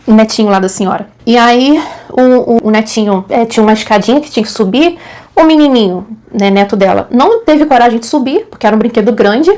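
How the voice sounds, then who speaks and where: A young adult woman with a Brazilian Portuguese accent, a mother telling a story to her viewers in a casual, animated, chatty way. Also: fairly high pitch. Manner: animated, chatty, addresses viewers as gente, acts out quotes. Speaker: vlogger and mother.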